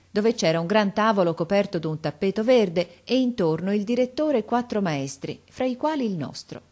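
A woman reading a story aloud as audiobook narrator, expressive, lifting her voice for emphasis and dropping it for quieter passages. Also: medium pitch.

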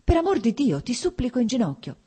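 A woman's voice: a little high, very animated, fairly quick, slightly rough, voice pushed up. A woman voicing a cheerful, talkative middle-aged nobleman who coaxes and pleads. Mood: pleading. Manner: warm, coaxing, talkative.

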